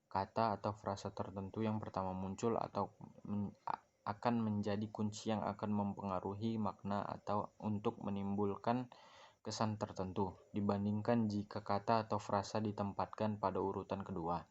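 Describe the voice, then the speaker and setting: A man's voice: on the low side, a little mellow, highs cut off. A young man, a student, reads a grammar lesson aloud from his notes, with small stumbles and self-corrections. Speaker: student presenting a class assignment.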